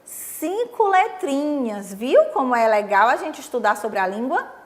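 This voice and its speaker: A young Brazilian woman teaching young children on a TV lesson, coaxing and sing-song, counting slowly with them. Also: high voice, sing-song. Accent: Brazilian Portuguese. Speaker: primary school teacher.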